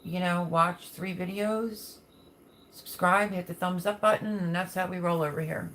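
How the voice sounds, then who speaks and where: A woman's voice: lowish voice, fairly even intonation, normal speed, a bit bright, slight background noise. A woman hosting a casual live chat, talking in a folksy, affectionate way as she reads and answers viewer comments. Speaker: livestream host.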